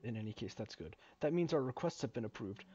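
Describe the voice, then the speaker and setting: A man voicing a hesitant, polite male mine overseer in a video game, halting and rambling with many uhs. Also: medium pitch, expressive, warm tone, lightly acted. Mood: puzzled, polite. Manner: halting, full of uhs and fumbling restarts. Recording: dull lo-fi recording.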